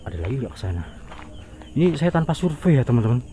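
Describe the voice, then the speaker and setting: An Indonesian man with a dark, mellow voice of average pitch narrates a casual night exploration vlog. He speaks haltingly, with murmured asides and exclamations, outdoors with audible insect noise behind him. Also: sing-song. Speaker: vlogger exploring an abandoned site at night. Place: outdoors in overgrown wooded area at night.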